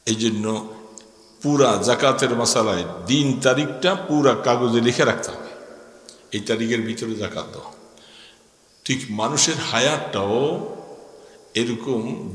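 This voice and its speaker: A man's voice: mid-range voice, fairly bright tone. A man with a Bangladeshi accent preaching a stern, admonishing Islamic sermon, putting rhetorical questions to his listeners. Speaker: Islamic preacher at a religious gathering. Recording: echoing PA sound with long reverb.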